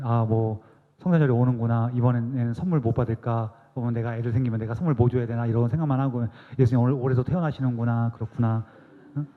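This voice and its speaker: Man lecturing in an echoey hall. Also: mid-range voice. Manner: asks the audience questions and answers them himself; acts out quoted speech, drops to a soft hush. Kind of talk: church lecture. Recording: long hall reverb, dull lo-fi sound.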